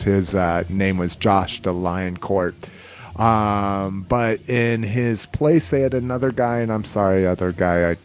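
A man's voice: on the low side, a little mellow. A man hosting a podcast with casual, rambling, informal fan talk. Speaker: podcast host.

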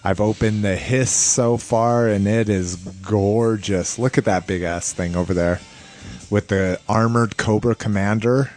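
Male podcast host, lowish voice, informal and sweary, chatting off the cuff. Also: steady tone, measured pace, darkish tone. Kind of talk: casual toy news chat.

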